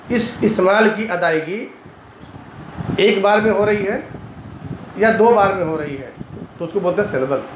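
A man teaching Arabic grammar in Hindi-Urdu with an Indian Urdu accent, a classroom lecture where he repeats each point and keeps checking in with "है ना", now and then clearing his throat. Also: high-pitched. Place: madrasa classroom. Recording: echoey room, dull lo-fi sound, faint hiss.

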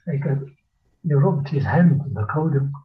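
An older man with a rural west of Ireland accent, telling folk tales as a lilting, rambling storyteller who repeats himself and pauses, over a video call. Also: mid-range voice, lively intonation. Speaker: folklorist and storyteller. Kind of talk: oral folk storytelling in casual speech. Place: small dim room at home, indoors. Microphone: computer mic on a video call. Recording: muffled, phone-like video call audio.

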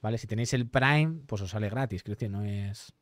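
A man's voice: lowish voice, brisk, no room sound. A young man streaming a game live, chatting with viewers, reading their messages aloud and swearing often. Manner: chatty, swears often, reads and answers chat. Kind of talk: live gameplay commentary.

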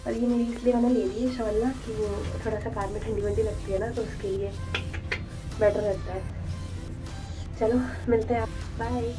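A chatty young woman with a fairly high voice vlogs her road trip on a handheld phone. She slips English phrases into her talk and sounds a little strained from a sore throat. Music plays clearly beneath her voice. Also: fairly even intonation, moderate pace, pauses often, poor audio. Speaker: travel vlogger. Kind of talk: casual travel vlog. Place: road trip stops, car and restaurants.

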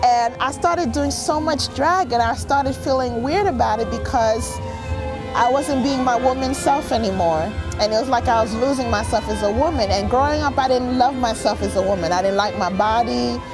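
Her voice is on the high side and her pace moderate as this performance artist, a woman in her forties whose native language is Haitian Creole, gives an earnest, reflective documentary interview on a city sidewalk. She gestures with her hands while speaking, and music plays beneath her voice.

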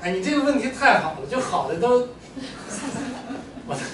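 A man teaching a classroom language lesson, joking and animated with his students. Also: extremely high pitch, moderate pace. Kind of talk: classroom lecture. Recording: echoey room, mic far off, faint room noise.

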